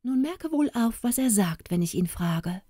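A woman's voice: a little high, lively intonation, a little slow, warm tone, no room sound, studio quality, voice pushed up. Kind bold forest-house woman, read by a woman. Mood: bossy.

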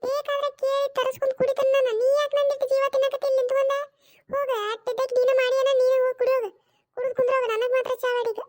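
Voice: extremely high pitch, steady tone. A performer voicing a grumpy, stubborn older mother-in-law in a cartoon comedy skit, scolding in a North Karnataka Kannada accent. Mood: irritated. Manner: scolding, refuses stubbornly, drawn-out retorts.

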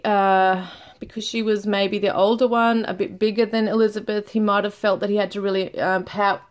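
A middle-aged woman talks through a tarot spread in a casual home video. She thinks out loud, stopping and restarting as she searches for words. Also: mid-range voice. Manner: musing, thinking aloud with fillers and restarts. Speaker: tarot reader. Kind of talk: casual tarot reading to camera.

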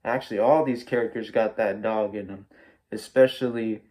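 A man's voice: fairly low pitch, steady tone, normal speed, mellow. A young American man casually reviews a movie in an enthusiastic, slangy way, speaking through a face mask. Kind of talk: casual spoiler-free video review. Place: small room at home, indoors.

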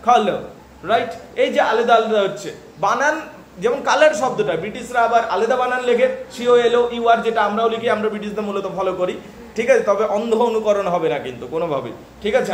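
Bengali guy teaching lit terms, high voice, keeps asking if u got it, echoey room w faint background hum. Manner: keeps checking if students follow. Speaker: English literature teacher. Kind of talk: classroom lecture.

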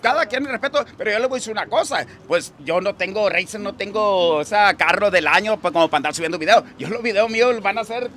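Jovial high-voiced Sinaloan man outdoors. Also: fast talker, hardly any pauses, fairly bright tone, a little hiss or hum. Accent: Sinaloa Mexican Spanish. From Mexico. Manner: jovial, rambling, laughs often. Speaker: interviewee. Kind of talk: casual street interview. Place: outdoors on a city street.

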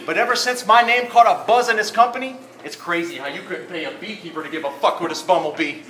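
A man's voice: sits high, fast, a little hiss or hum. A man from Arizona spitting a taunting, punchline-driven battle rap verse in front of a crowd. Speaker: battle rapper. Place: barbershop event space. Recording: echoey room with a loud crowd. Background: crowd reacting.

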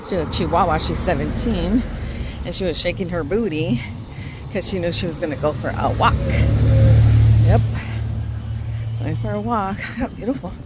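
A woman's voice: fairly low pitch, moderate pace, long pauses. An older woman vlogging on a walk through a park, chatting casually, slightly out of breath, and talking to her dog in baby talk. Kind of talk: casual walking vlog. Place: outdoors in a park, walking. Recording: outdoor phone audio with background noise.

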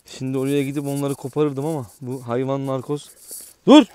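Calm low-voiced man outdoors in the country. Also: brisk, clear, resonant tone. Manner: calm and low when talking to camera, yelling at the dog. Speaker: dog owner vlogger. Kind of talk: casual outdoor vlog.

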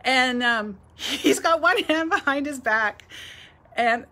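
A middle-aged woman hosting a casual live stream from her bead store, chatty and quick to laugh, greeting viewers by name. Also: high voice, pushed and bright.

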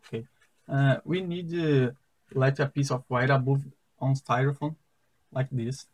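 Slow, halting man with a Brazilian accent. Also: mid-range voice, fairly even intonation, poor audio. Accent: Brazilian Portuguese. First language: Portuguese. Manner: halting, careful non-native English with pauses and restarts. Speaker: science fair project demonstrator. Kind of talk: step-by-step how-to explanation. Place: indoors at a wooden table.

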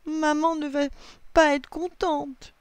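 A woman's voice: slow pace, no echo. A woman doing a worried little girl. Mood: plaintive. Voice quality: high, plaintive child voice. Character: young girl, emotional and worried.

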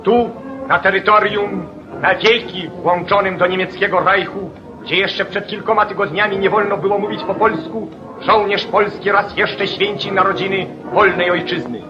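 A man delivers old newsreel narration in a rousing, commanding declamatory style. His voice sits high for a man. The 1940s soundtrack is dull and muffled, with clear music running beneath him. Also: fairly even intonation, moderate pace.

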